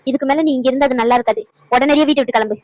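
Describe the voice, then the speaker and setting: A woman voicing an exasperated grown daughter in a cartoon, scolding her mother with sharp rhetorical questions. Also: high-pitched, racing, no room sound, natural voice, low-quality recording. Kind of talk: cartoon voice acting.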